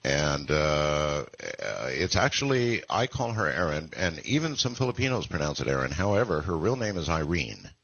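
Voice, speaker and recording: An older man in his sixties hosts a late-night radio call-in show, and his husky, low voice rises and falls a lot as he rambles along with many pauses. The sound is dry and a little muffled, like an old lo-fi broadcast. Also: very animated, fairly bright tone, no echo. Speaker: radio talk show host. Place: broadcasting from the Philippines.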